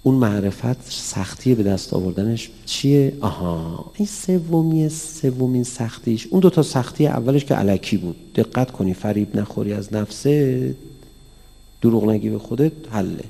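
Gravelly-voiced cleric in a hall. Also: male voice, fairly low pitch. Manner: animated, acts out dialogues with raised voice. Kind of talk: religious lecture on mysticism.

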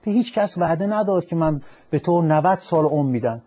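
A man who is a psychologist, calmly counseling a caller on a radio call-in show and quoting verse as he explains. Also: fairly high pitch, slightly rough. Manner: calm and instructive, quotes verse.

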